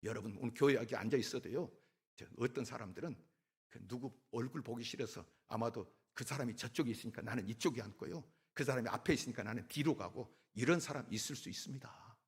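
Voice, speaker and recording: A man's voice: mid-range voice, fast talker, slightly rough. A middle-aged man preaching a sermon, telling stories, acting out dialogue and asking the congregation questions. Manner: storytelling preacher who acts out dialogue and asks the congregation questions. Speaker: pastor. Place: church sanctuary. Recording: long church-hall reverb.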